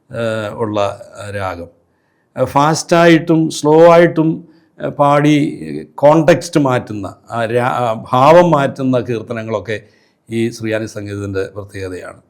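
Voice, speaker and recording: A priest with a Kerala Malayalam accent giving a liturgy lesson, measured and explanatory, with frequent hesitation fillers. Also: male voice, medium pitch, darkish tone. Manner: measured teaching with frequent fillers, briefly chants Syriac hymn lines. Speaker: priest lecturer. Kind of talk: liturgy lecture.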